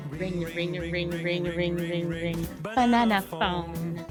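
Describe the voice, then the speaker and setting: A man streaming a game through a voice changer that makes him sound like a woman, excitable and swearing as he plays. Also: high voice, slow pace, music in the background. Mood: playful. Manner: excitable, swears often, talks to himself while playing. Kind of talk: casual live-stream chatter.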